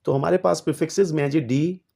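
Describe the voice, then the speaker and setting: A man teaching an English textbook exercise, reading each English line slowly and then explaining it in Urdu. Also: a little high, gravelly, mellow.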